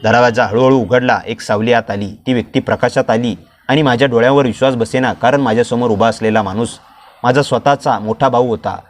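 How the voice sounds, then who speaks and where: A man narrating a dramatic first-person story in a steady, scripted storytelling voice. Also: mid-range voice, brisk, a little hiss or hum.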